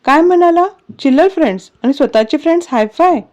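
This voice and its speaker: Woman voicing a sassy, demanding young woman in a storybook reading, high and mellow. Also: lively intonation, fast.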